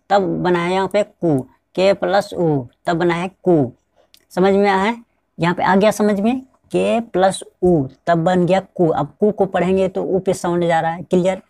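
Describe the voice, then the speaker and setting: A woman's voice: lowish voice, vocal fry, dark tone, no echo. A woman teaching pronunciation step by step, repeating each point and asking the viewers if they understand. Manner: repetitive, keeps asking the viewers rhetorical check-in questions. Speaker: spoken English teacher.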